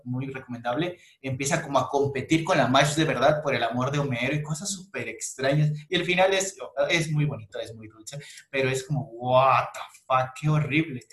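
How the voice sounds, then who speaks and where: Slangy man, echoey room. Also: mid-range voice. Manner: animated storyteller, slangy, frequent restarts and laughs. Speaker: podcast host. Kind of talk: casual chat.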